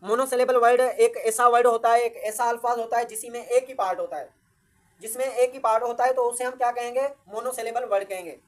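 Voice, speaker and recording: A woman gives a grammar lesson. She asks questions and answers them herself, and reads English definitions out slowly and deliberately. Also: a little high, steady tone. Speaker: grammar teacher. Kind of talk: classroom-style grammar lesson.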